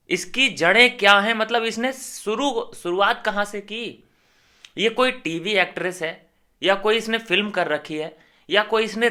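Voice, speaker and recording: A man's voice: sits high, sharp tone. A man commentating on a reality show, ranting heatedly and scornfully straight at his viewers.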